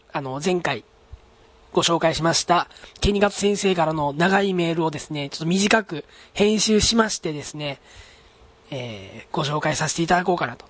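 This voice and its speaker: A man's voice: a little high, dry recording. A man hosting his own solo podcast in a polite, chatty way, full of fillers, reading out a listener's letter. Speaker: podcast host.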